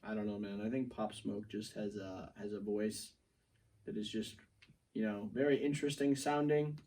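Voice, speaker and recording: A man's voice: on the low side, moderate pace, far from the mic. A young man co-hosting a student podcast, joking in slangy casual talk. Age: young adult. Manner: joking, slangy, bursts of excitement. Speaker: co-host. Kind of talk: casual chat.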